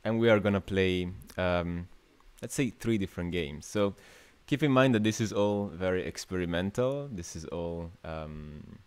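His low voice is smooth and unhurried, with few pauses. The speaker is a man from Italy in his twenties, a new media artist hosting a casual livestream masterclass in a small room, chatting with viewers in a loose, hesitant manner and often thinking aloud.

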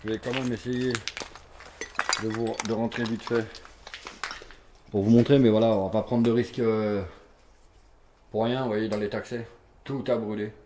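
This lowish, warm voice keeps a level tone at normal speed with long pauses, and a little hiss or hum is audible. It belongs to an urban explorer vlogger in his forties who walks an abandoned burned campsite outdoors, giving casual commentary to a handheld or chest action camera, chatty and rambling with frequent fillers and repeats.

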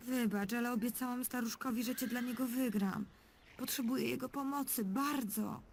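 A calm young adventurer. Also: female voice, fairly high pitch, moderate pace, gravelly, slight background noise. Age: young adult. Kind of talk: game dub voice acting.

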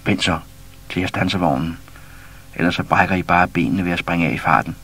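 A man voicing a small, mischievous troll boy giving firm orders in a low, husky voice. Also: a bit bright, exaggerated voice. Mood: commanding.

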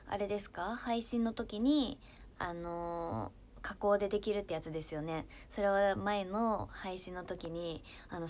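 A young woman with a Kansai accent, chatting casually on her livestream and reading viewer comments, often softening into near-whispers. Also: fairly low pitch, a little hiss or hum. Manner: soft-spoken, drifts into near-whispers, laughs often.

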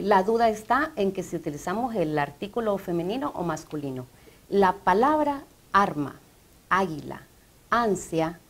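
A woman with a Honduran Spanish accent, a language professor hosting an educational TV show, explaining grammar in a measured way. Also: mid-range voice. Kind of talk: educational TV talk.

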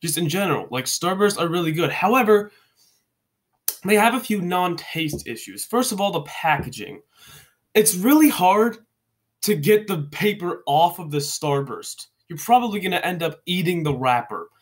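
At a moderate pace and with a high-pitched, animated voice, a congested young man rambles jokingly through his candy rankings on webcam at home. He's a vlogger who keeps correcting himself mid-thought.

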